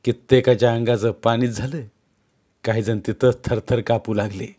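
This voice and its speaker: A man reading a novel aloud as an audiobook narrator, in measured storytelling. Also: medium pitch, fairly even intonation, warm tone. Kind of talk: scripted narration.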